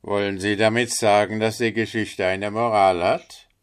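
A man voicing a quarrelsome male water rat in a storybook reading, shrill and indignant, shouting. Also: steady tone, moderate pace, clear, resonant tone, lightly acted.

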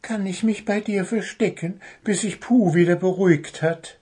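A man voicing a small, cheeky, excitable blue bird in a storybook reading, in a high chirpy voice. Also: a little slow, slightly rough, exaggerated voice.

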